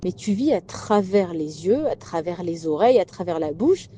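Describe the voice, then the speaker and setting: A patient guiding voice, played by a woman, coaxing and reasoning with gentle questions. Her tone stays mellow and soft, close to her everyday speech. It is a figure in a spoken teaching story. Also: fairly low pitch, animated, normal speed, a little hiss or hum, lightly acted. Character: patient persuasive guiding voice, calling a baby out.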